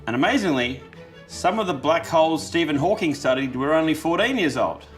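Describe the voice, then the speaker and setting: A man's voice: fairly high pitch, expressive, brisk, music in the background. A man telling crude dad jokes as a challenge contestant, setting up a question and landing a blunt punchline. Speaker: contestant in a try-not-to-laugh joke challenge.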